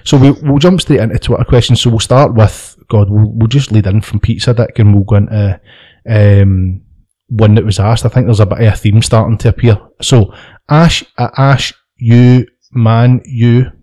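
A man's voice: on the low side, fairly even intonation, moderate pace, dark tone. Laughing man hosting a podcast. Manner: laughs often, stumbling restarts, swears freely. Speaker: podcast host. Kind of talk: casual chat.

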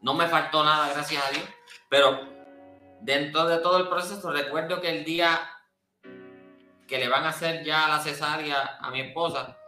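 A man gives a heartfelt testimony in an earnest, conversational way, stumbling and restarting as he goes. His voice is very bright and forward. The room around him rings with echo, and soft instrumental music plays underneath. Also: on the high side. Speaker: churchgoer sharing testimony. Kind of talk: testimony, casual speech.

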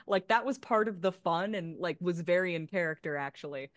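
A woman's voice: lowish voice, no room sound, clean studio sound. A woman panelist in casual chat, emphatic and opinionated. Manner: emphatic, opinionated, quick restarts. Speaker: panelist on a role-play show.

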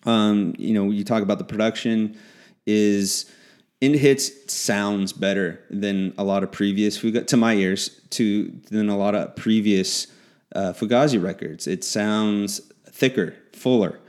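Low-voiced man musing on old records. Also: a little slow, darkish tone. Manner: reflective, rambling with restarts. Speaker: podcast co-host. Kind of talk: casual chat.

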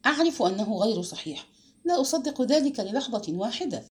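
A woman reading aloud and voicing an excitable young wife who speaks high and agitated. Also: fairly quick.

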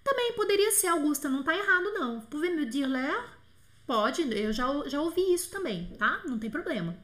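A woman, teaching a live online French lesson. She patiently repeats phrases slowly to model pronunciation and answers viewers' questions by name. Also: sits high, very animated, fairly bright tone.

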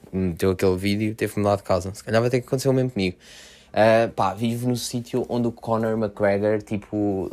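A young man from Portugal, rambling casually and jokingly on his solo podcast, full of slang and fillers. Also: fairly low pitch. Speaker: podcast host.

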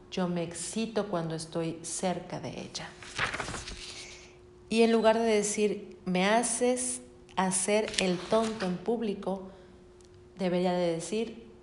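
A woman's voice: mid-range voice, a little hiss or hum. Woman reading self-help aloud, roomy echo. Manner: steady reading broken by casual spoken asides.

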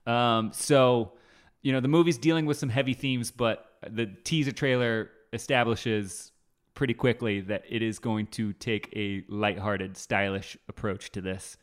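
A man co-hosting a podcast, chatting casually about a movie trailer, halting and repeating himself, quick to laugh. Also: on the low side, steady tone, clean tone. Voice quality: halting, lots of fillers and restarts, laughs easily. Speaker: podcast co-host. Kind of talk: casual movie-review chat.

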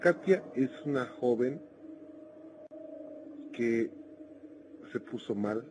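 A man hosting a paranormal radio show, calmly reassuring a frightened caller. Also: medium pitch, extremely slow, background noise. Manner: soothing, urgent reassurance. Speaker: radio host.

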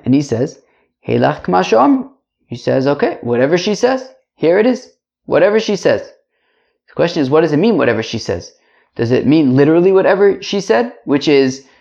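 Guy teaching class, chatty, gravelly, repeats himself and asks the students questions, kinda muffled lo-fi mic. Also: a little high, very animated, moderate pace, mellow. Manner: chatty, repeats phrases, checks in with rhetorical questions. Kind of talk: informal religious lesson, teacher to class. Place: indoors.

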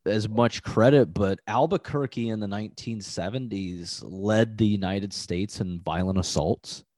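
A man's voice: lowish voice, unhurried, dark tone, dry recording, clean studio sound. A male podcast host chatting casually, rambling through stories with lots of fillers and swearing. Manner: rambling, laid-back storytelling, full of fillers and swearing.

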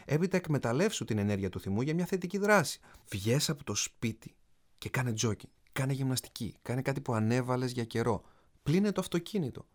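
A man's voice: mid-range voice, very animated. A man, an author and coach, narrating a self-help audiobook in an emphatic way, speaking straight to the listener. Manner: emphatic, addresses the listener directly.

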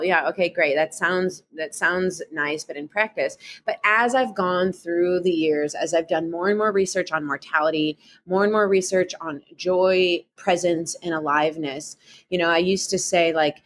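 Woman, Midwestern accent, slightly low voice; cheerful, chatty podcast guest. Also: fairly bright tone, a little hiss or hum. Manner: upbeat, chatty, frequent "like", laughs often. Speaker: guest author and meditation guide. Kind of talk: podcast interview.

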